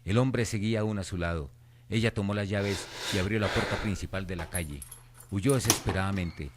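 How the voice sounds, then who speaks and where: A man's voice: low voice, moderate pace, very noisy. A man reading scripted narration for a horror radio drama.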